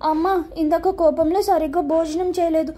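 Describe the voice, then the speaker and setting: A woman's voice: very high voice, fairly even intonation, moderate pace, warm tone. A woman voicing a small, eager and sulky boy in a children's story, pleading and whining. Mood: excited. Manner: pleading, whiny.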